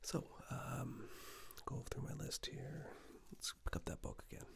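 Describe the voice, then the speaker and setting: Here an ASMR performer voices an attentive male tailor, soft-spoken and chatty with gentle flattery. A breathy whisper mixes with a low creaky murmur, and the pacing is unhurried, reassuring and slightly hesitant.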